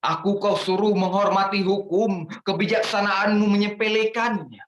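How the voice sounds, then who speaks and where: A man reciting a protest poem dramatically, rising to shouts on the refrains. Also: high-pitched, fairly even intonation, moderate pace, dull audio. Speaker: guest poetry reader. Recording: echoey room with faint noise.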